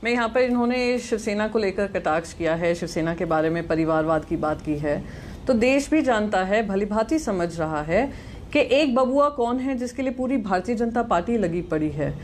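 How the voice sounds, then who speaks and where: A woman speaking as a party spokesperson in a heated TV debate, sharp and sarcastic as she rebukes an opponent. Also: mid-range voice, expressive, normal speed, a little hiss or hum.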